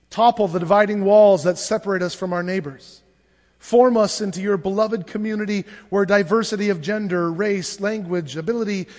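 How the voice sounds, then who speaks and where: A male pastor leading liturgical prayers at a pulpit microphone in a church, reading in a measured, solemn way. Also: high-pitched, a little mellow. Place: church sanctuary. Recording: long church reverb.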